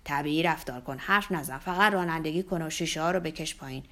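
A woman's voice: deep voice, fairly bright tone, pitched below the performer's own voice. A woman voicing a paranoid, drunken older father who mutters fearfully and pleads, read as an audiobook character. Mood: panicked.

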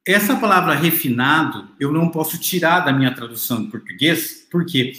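A man's voice: on the high side, lively intonation, fairly quick, pushed and bright. A man giving a classroom lecture, explaining patiently to his listeners with many fillers and restarts. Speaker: literature lecturer. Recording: roomy echo.

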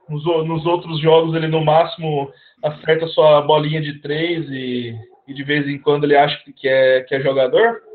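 Halting man on a tinny line. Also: fairly high pitch. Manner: halting, repeats words, sarcastic. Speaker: podcast co-host. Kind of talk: casual sports chat.

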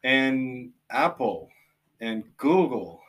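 A man co-hosting a relaxed podcast in casual chat. He talks in an easygoing way. He pauses often with "um" between thoughts. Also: mid-range voice, slightly rough. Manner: easygoing, many "um" pauses, recommends and plugs. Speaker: podcast co-host.

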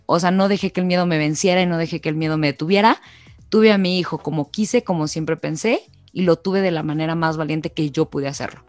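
A woman's voice: deep voice, a little fast, a little mellow, no echo, soft background music. A young Mexican woman co-hosting a podcast, telling a personal story in a chatty casual way. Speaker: podcast co-host. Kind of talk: casual chat.

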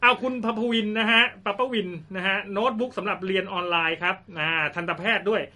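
A man co-hosting a casual tech question show, reading out listener questions with quick, lively, joking asides. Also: high voice.

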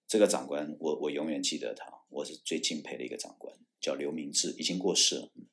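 A man's voice: extremely low pitch, quick pace, vocal fry. A man from Taiwan, a former military judge advocate, tells a story in a casual interview. He acts out the dialogue he quotes, often restarts his words and repeats them. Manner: animated storyteller who acts out quoted dialogue, shouting the angry lines.

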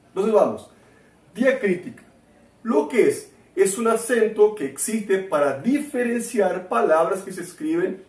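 A man with a high voice teaches an online lesson, laying out each point slowly and pausing to check his students are following. He sits back from the microphone, and the room echoes around him. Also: far from the mic. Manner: slow, deliberate explaining with frequent "¿tá?" check-ins. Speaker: Spanish teacher. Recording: roomy echo, voice away from mic.

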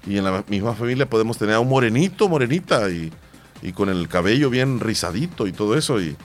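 Low-voiced Salvadoran man hosting morning radio. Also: expressive, fast, soft background music. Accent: Salvadoran Spanish. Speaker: radio morning show host. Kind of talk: reading news and casual chat.

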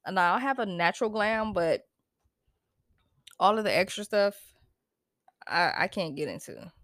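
A woman's voice: medium pitch, lively intonation, measured pace, fairly bright tone, no room sound, clean studio sound. A young American woman hosting a solo podcast, talking casually but emphatically, with a stuffy, congested voice and frequent laughs. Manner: emphatic, preachy, laughs often. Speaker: podcast host.

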